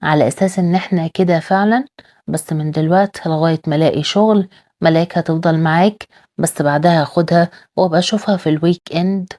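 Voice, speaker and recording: A defiant young mother lashes back with bitterness, as a woman narrator reads her part. The voice is low and mellow, with an Egyptian accent. It is delivered in a plain recap style. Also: fairly even intonation, quick pace, close to an everyday voice. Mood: bitter. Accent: Egyptian Arabic.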